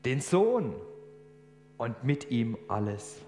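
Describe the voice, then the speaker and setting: A man preaching a sermon, telling a story with animated emphasis. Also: mid-range voice, takes it slowly. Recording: echoey church hall, faint hum.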